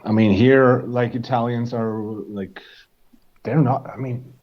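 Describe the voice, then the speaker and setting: A man's voice: medium pitch, steady tone, measured pace. A man, an English speaker, co-hosting a podcast in casual chat, rambling with lots of restarts and fillers. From Germany. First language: German. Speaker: podcast co-host. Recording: dull lo-fi recording.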